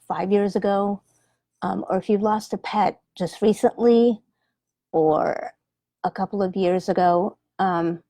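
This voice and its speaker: A woman in her forties, a medium on a live stream, speaking gently with many pauses and ums. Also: medium pitch, no echo, clean studio sound. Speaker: animal communicator and medium. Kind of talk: live-stream chat with viewers. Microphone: webcam or phone livestream.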